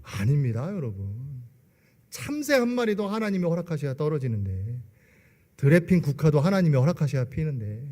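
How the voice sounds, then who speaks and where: A man's voice: fairly high pitch, sing-song, fairly quick, a little mellow. A man in his forties giving a church testimony, often asking the congregation questions. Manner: asks the congregation rhetorical questions. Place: church sanctuary. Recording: long echo of a large hall.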